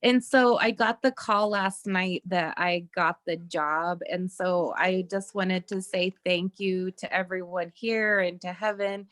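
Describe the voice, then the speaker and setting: A woman's voice: on the low side, steady tone, unhurried, hardly any pauses, a bit bright, dry recording, clean studio sound. A woman sharing heartfelt news on a group video call, rambling with many fillers.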